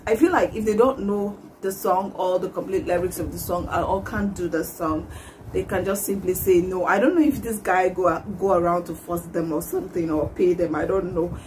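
A woman's voice: on the low side, normal speed, a little mellow. Woman in her twenties, giggly reaction-vlog host, chatty, camera mic in a small room, faint hiss behind. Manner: chatty, laughs often, lots of fillers. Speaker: YouTube reaction vlogger. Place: small indoor room, patterned wall backdrop.

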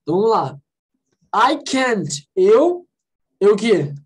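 Casting: woman from Brazil, English teacher on a video call, animated pitch, a bit husky, coaxing the class. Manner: lively, coaxing, asks the class questions and drills phrases slowly. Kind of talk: online class explanation.

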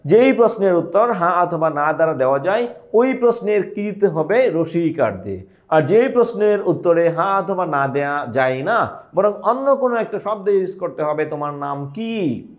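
Young male teacher with a high voice, lecturing in a quick question-and-answer style. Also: sing-song. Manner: asks questions and answers them himself, repeating key words. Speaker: exam prep teacher.

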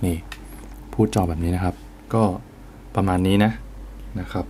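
A man's voice: low voice, steady tone, normal speed, mellow, slight background noise. A man talking casually as he unboxes and tries out gear for his channel, thinking aloud as he goes. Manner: chatty, thinks aloud while handling gear. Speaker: vlogger reviewing gear.

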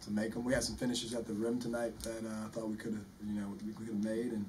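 A man in his forties, a head basketball coach, answering postgame press questions in a measured way and often repeating words while he thinks. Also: lowish voice, completely flat delivery, a little mellow. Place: press room in front of a sponsor backdrop. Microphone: table microphone, recorded from the room. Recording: distant room mic with faint noise.

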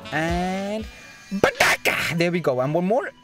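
A man's voice: fairly high pitch, animated, moderate pace. A man giving casual, playful gameplay commentary, with exclamations and swearing. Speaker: gamer. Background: game music.

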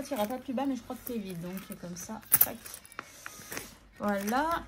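A woman's voice: on the high side, noisy background. Chatty woman counting money aloud. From France. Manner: talks to herself, scolds herself by name, counts aloud. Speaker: budgeting vlogger. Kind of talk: casual chatty talk to camera while counting money.

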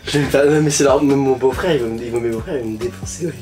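A man's voice: medium pitch, steady tone, very fast, loud music behind the voice. Young man in slangy banter. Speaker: YouTuber host. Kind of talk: casual chat with a friend.

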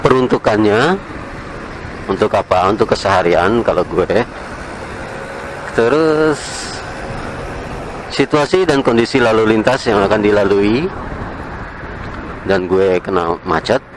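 A man chatting casually while riding a motorcycle, with relaxed slang and small chuckles, recorded on a helmet camera. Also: on the low side, slow, long pauses, low-quality recording. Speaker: motovlogger. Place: on a motorcycle in night city traffic. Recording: faint traffic noise outdoors.

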